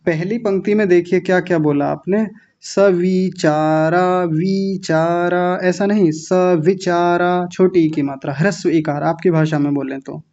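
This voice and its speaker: A Sanskrit recitation teacher who stretches out each syllable when modelling pronunciation and then explains quickly. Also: medium pitch, warm tone. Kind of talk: online recitation class, correcting pronunciation. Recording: dull lo-fi audio.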